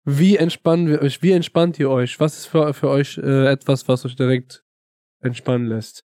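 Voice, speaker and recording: Man, casual podcast chat, slangy, asks questions, mellow dark voice, dry sound. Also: mid-range voice, fairly even intonation, normal speed, no room sound. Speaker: podcast co-host.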